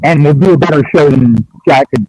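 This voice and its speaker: A man's voice: on the high side, a little fast, darkish tone. A man throws brash, mock-insulting trash talk at his fellow panelists. His audio glitches and breaks up as he speaks. Apart from the glitches, the sound is dry with no room echo. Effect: glitching, broken-up audio. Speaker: returning panel guest. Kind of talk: livestream banter.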